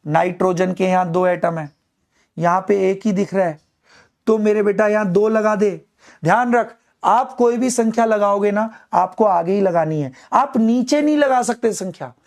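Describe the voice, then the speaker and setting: A male chemistry teacher with a notably high voice, running a lively online class. He jokes with his students, acts out their questions, and slows right down to dictate English phrases one word at a time. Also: creaky. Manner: playful, calls students "my child", mock dialogues with students.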